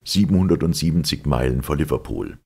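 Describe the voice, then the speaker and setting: An unflappable gentleman who speaks with cool composure, as a male reader gives him voice. The voice is very deep, gravelly and husky. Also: moderate pace, exaggerated voice. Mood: calm. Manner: unruffled, even-tempered. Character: calm, phlegmatic English gentleman, middle-aged.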